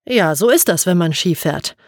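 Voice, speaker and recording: A woman voicing a friendly, gently questioning male police officer in an audiobook. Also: fairly low pitch, animated, moderate pace, no echo, studio quality. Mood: gentle.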